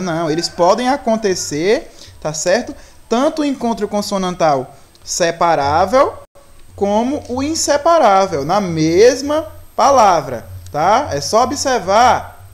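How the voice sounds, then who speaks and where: A woman with a Brazilian accent teaching a Portuguese grammar lesson, explaining step by step and often checking in with her students. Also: mid-range voice. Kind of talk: recorded online lesson.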